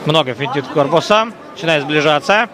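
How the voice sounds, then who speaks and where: Man, high-pitched voice, live fight play-by-play, very loud crowd behind. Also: expressive, brisk. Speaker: fight commentator. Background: roaring crowd.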